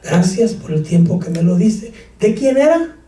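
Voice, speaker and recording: A pastor's high, mellow voice swings widely in pitch at a moderate pace as he delivers a sermon. He invites call-and-response from the congregation and slips in joking asides, captured from a distance in an echoey church sanctuary.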